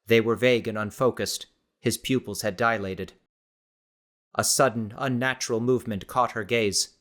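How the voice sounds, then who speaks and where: A male audiobook narrator reading a suspenseful story. His delivery stays steady and measured throughout. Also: lowish voice. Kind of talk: scripted narration.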